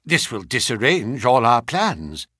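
A man's voice: mid-range voice, sing-song, measured pace, sharp tone, slightly rough, no room sound, studio quality, exaggerated voice. A man reading aloud, voicing a small, startled bearded man who speaks in a subdued way. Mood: uneasy.

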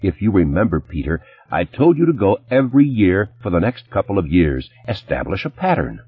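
A man reading an audiobook, voicing a sharp, image-conscious ex-wife who scolds in a clipped, indignant way. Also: low voice, very animated, brisk, breathy edge, narrow, tinny audio, exaggerated voice. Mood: furious.

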